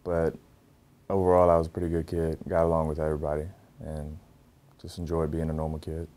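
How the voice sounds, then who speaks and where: A man's voice: a bass voice, monotone, fairly quick, warm tone. A man in his thirties from Virginia, answering interview questions about his childhood in an easygoing, plainspoken way with a light joking touch. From Richmond, Virginia. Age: 30s. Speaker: interviewee, groom-to-be.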